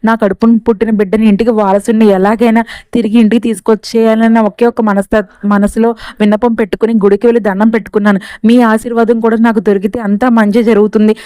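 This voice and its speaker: A woman's voice: on the high side, flat delivery, fast, dark tone, no room sound, lightly acted. A woman doing an earnest young mother. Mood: imploring. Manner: earnest, imploring. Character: earnest young mother fighting for her son.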